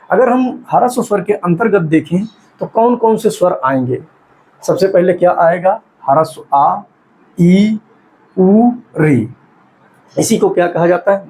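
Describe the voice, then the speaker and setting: A man with a high-sitting, warm voice teaches an exam-prep grammar lesson on a rough recording, with a north Indian Hindi-speaking accent. He poses questions and answers them himself, drawing out vowel sounds to demonstrate them.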